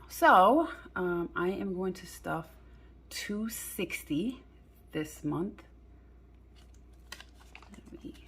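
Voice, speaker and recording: A woman chatting casually through a budget vlog in a halting, low-energy way, slightly hoarse as if weak after surgery. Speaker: budgeting vlogger. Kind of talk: casual chat while counting cash.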